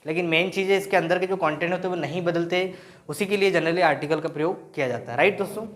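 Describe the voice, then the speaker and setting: High-voiced grammar teacher. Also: male voice, fast talker. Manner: explains in Hindi mixed with English terms, asks and answers his own questions; keeps checking in with "right?". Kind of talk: classroom-style grammar lesson.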